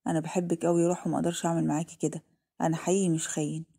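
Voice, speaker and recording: A woman with an Egyptian Arabic accent voicing a tender, earnest young man in a told story, speaking softly and affectionately. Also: low-pitched, flat delivery, rapid-fire, vocal fry, slightly rough, full character voice. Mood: pleading.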